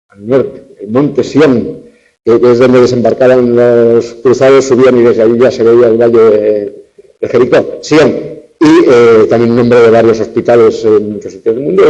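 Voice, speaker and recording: A man's voice: medium pitch, dark tone, rough recording. A man teaching a university lecture on spelling and accent marks, stretching out example words syllable by syllable. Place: classroom, lecture streamed online.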